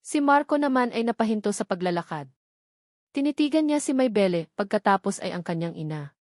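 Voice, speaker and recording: A woman with a medium-pitched voice tells a dramatic tale in a measured storytelling delivery with lively intonation. The recording is dry, with no room echo.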